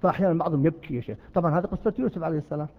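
A man's voice: on the high side, rapid-fire. A man preaching a sermon to a gathering, telling stories and acting out the quoted exchanges. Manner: storytelling, acts out quoted exchanges. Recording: long reverb, dull lo-fi sound.

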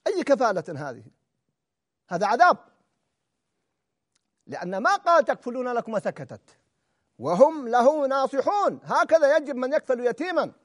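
A male preacher delivers a sermon in a strikingly high voice. His pitch swings widely, and he moves from loud, emphatic exclamations to hushed asides. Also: big pitch swings, normal speed, long pauses.

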